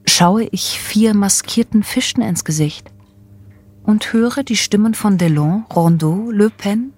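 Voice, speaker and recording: A woman playing the narrator of a surreal audio drama, speaking in a measured, deliberate way. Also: mid-range voice, darkish tone, close to an everyday voice. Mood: haunted, weary. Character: woman narrator recounting a surreal, tormented dreamlike journey.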